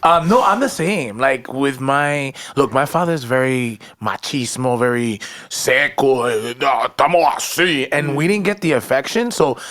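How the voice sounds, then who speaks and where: A man's voice: mid-range voice, animated, a little slow, few pauses, fairly bright tone. A man co-hosting a casual podcast chat, speaking candidly and self-deprecatingly about himself. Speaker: podcast co-host.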